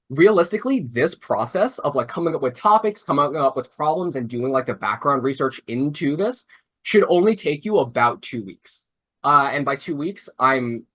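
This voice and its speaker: Speaking with a sharp tone at medium pitch, a young man who mentors robotics teams chats casually over video. He meanders, filling gaps with "like" and "uh" and fixing his own phrasing as he restarts.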